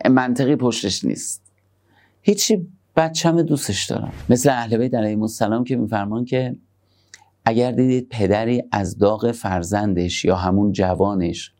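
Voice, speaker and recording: A man speaks in a gravelly, mellow voice at a middling pitch. He gives a sermon on parenting in a conversational way, easing into soft, tender asides before pressing each point with emphasis. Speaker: religious speaker.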